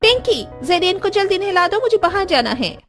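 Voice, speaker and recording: Lady doing a snooty rich young mom, high and whiny, brushes everyone off. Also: sing-song, fairly bright tone, faint music behind, exaggerated voice. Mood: dismissive. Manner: dismissive, whiny, drawn-out. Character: spoiled rich young mother, careless and haughty.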